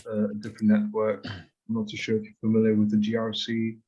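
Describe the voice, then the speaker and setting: Casting: young man in his twenties, monotone and hesitant, dull call audio. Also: lowish voice, brisk. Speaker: permaculture project partner. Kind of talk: video call conversation. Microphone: video call.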